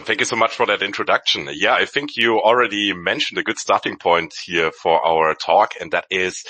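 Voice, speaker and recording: Guy hosting an online chat, low voice but bright and dry sound, easygoing. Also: no room sound. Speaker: host. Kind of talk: casual online audio chat.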